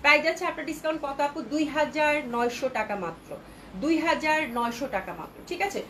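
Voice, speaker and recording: A woman with a Bangladeshi Bengali accent hosting a live clothing sale, chatting with viewers and repeating prices, with a cold that keeps her speaking softly. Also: high voice, lively intonation, brisk, a little hiss or hum. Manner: chatty, repeats prices, mixes in English words. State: has a cold, talking softly to avoid coughing. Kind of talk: live sales chat with viewers.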